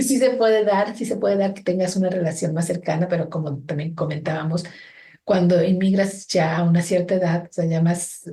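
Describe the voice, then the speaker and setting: A woman's voice: fairly low pitch, dark tone. A middle-aged woman from Mexico with a Mexican Spanish accent, talking through her thoughts as an interview guest, with many restarts and fillers. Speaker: guest, organization founder. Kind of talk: reflective interview conversation.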